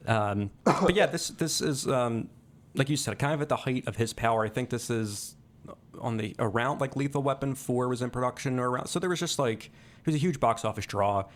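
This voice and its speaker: A man's voice: mid-range voice, a little fast, a little hiss or hum. A man co-hosting a podcast, talking casually about movies, thoughtful and hesitant with many fillers. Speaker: podcast co-host. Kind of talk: casual film discussion.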